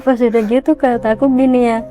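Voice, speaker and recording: Excited young woman. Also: fairly high pitch, a little fast, soft background music. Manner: excited, animated, acts out quotes. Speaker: guest storyteller. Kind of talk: casual ghost-story telling.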